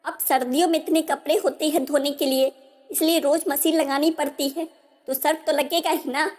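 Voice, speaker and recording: Woman storyteller, pretty high voice, steady reading, long echo like a hall. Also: moderate pace. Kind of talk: scripted story narration.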